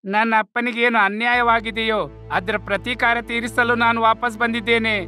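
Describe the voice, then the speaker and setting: A man's voice: very high voice, flat delivery, a little fast, bright, forceful tone. A man voicing a brave, righteous young male lion heir in a cartoon, speaking firmly. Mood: proud. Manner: firm, declaiming. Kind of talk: cartoon voice acting. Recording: music under the voice.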